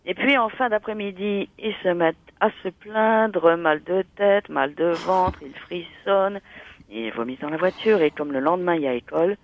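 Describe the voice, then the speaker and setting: An actor playing an older father talking gently and wryly to his grown son in a radio drama. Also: high-pitched, normal speed, no echo, dull audio.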